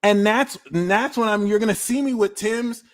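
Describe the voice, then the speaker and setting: A man's voice: high voice, moderate pace, no echo, voice pushed up, close to an everyday voice. Man doing a bragging Brooklyn tough guy. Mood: boastful. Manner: exaggerated, self-mocking bravado. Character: boastful wannabe Brooklyn tough guy, male adult.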